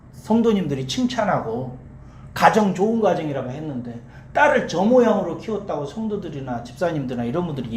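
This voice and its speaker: A pastor preaching a sermon, telling a story and asking the congregation rhetorical questions, slowing down to stress key words. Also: mid-range voice, darkish tone, a little hiss or hum. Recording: echoey church hall, faint ambience.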